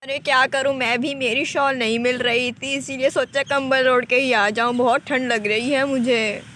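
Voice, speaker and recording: A middle-aged village mother, chattering and complaining, as a woman voices her. The voice is high, with noise under it. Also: fairly even intonation, normal speed, bright, forceful tone. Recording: noisy home recording.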